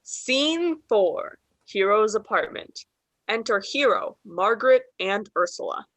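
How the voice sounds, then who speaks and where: A woman's voice: mid-range voice, expressive, slow pace, a bit bright, no echo. A woman who reads the stage directions in an amateur online play reading, speaking hesitantly and with fillers. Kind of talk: casual chat and reading. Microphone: home mic, off camera.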